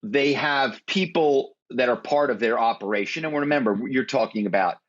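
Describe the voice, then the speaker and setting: A former corporate spy with a mid-range voice speaks at a moderate pace as a guest in a conversational interview. His explanatory account of how phone tricks get people to give up information leans on anecdotes about phone calls.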